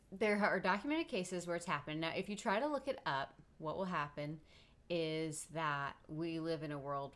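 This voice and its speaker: Low-voiced chatty woman podcaster. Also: a bit bright. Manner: chatty, many fillers like "like". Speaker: podcast co-host. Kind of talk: casual conversation.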